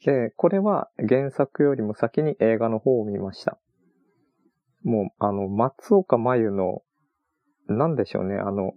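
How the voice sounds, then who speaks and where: A man chatting on his own about books he read on a trip, rambling and relaxed with many fillers. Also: fairly low pitch, dry recording, highs cut off. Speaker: podcast host. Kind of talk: casual solo talk about books.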